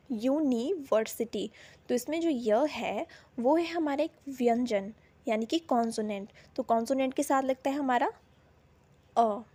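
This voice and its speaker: Slow, high-voiced woman teaching grammar. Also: mellow. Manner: slow, repeats each example word deliberately. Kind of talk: explaining a lesson in Hindi.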